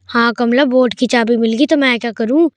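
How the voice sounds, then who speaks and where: A woman's voice: steady tone, normal speed, slight background noise, close to an everyday voice. A woman voicing a lazy, forgetful young man who plays the sidekick in a horror game. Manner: lower, lazy agreeable replies.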